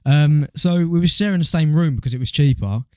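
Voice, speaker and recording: A young British man chatting casually as a podcast co-host. His voice sits a little high but sounds mellow and relaxed. The sound is dry and close, with no room around it. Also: brisk, smooth, dry recording. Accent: British English. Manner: laid-back slangy storytelling with fillers. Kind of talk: casual chat.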